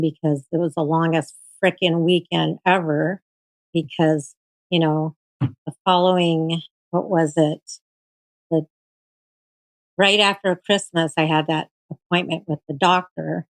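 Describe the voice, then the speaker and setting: Halting, emotional woman telling her story. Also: on the low side, dry recording, low-quality recording. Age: 40s. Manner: halting and emotional, full of fillers and restarts. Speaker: guest. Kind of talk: personal story in a live-stream interview.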